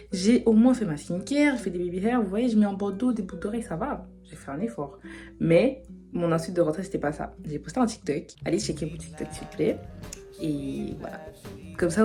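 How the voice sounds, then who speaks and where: A woman's voice: on the low side, warm tone. A young woman from Belgium in casual vlog chat, talking straight to her viewers. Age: young adult. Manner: chatty, talks straight to viewers. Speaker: vlogger.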